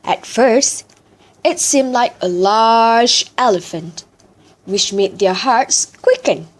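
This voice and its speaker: A woman reciting a story in a deliberate, theatrical way, as practice for choral speaking. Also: a little high.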